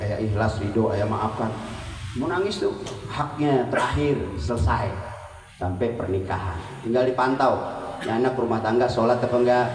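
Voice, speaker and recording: A man preaching a humorous sermon, joking like a lively storyteller. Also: medium pitch, normal speed, noisy background. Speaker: Islamic preacher. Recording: echoey hall from far off, faint music.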